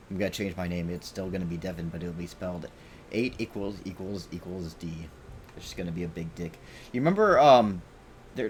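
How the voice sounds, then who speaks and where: A man's voice: low voice, slight background noise. A man streaming a video game, rambling and swearing as he talks to himself and his viewers. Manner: rambling, profane, self-talking. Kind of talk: casual gameplay commentary.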